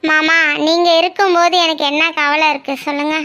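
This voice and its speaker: A woman voicing a shy, devoted young woman in a cartoon, speaking softly with a pleading, timid manner. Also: little pitch movement, brisk. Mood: tender. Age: young adult. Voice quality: very high, bright. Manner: soft-spoken, timid and pleading. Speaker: cartoon character. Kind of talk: Tamil cartoon voice acting.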